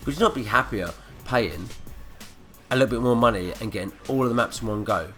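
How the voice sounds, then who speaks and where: A man's voice: mid-range voice, fairly quick, fairly bright tone. A man with a blocked nose from a cold, ranting and swearing through gameplay commentary. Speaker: gaming commentator. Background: faint background music.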